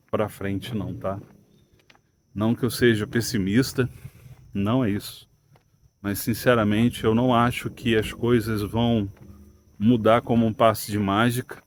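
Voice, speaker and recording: A man's voice: lowish voice, a little hiss or hum. Reflective Brazilian man talking to viewers. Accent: Brazilian Portuguese. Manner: reflective, questioning, uses many fillers like "né" and "tá". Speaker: channel host. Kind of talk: casual opinion monologue to camera.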